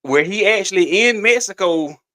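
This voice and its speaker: Bright-voiced laid-back middle-aged man. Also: high-pitched, animated, normal speed. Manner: laid-back, rambling with repeated restarts and laughter. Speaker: podcast co-host. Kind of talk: casual chat.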